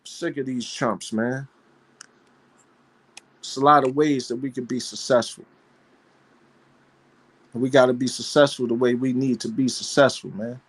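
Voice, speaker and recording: A man's voice: mid-range voice, fairly even intonation, a little slow, pauses often, breathy edge. A man hosting a live panel show as a dog breeder, talking in a fervent, preachy way, with rhetorical questions and repeated phrases. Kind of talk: casual passionate monologue.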